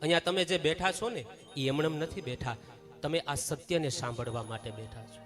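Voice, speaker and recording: A woman's voice: deep voice, moderate pace, soft background music. A woman giving a devotional sermon at a temple gathering, telling stories and acting out the people in them. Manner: animated storytelling, acting out quoted people. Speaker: religious discourse speaker.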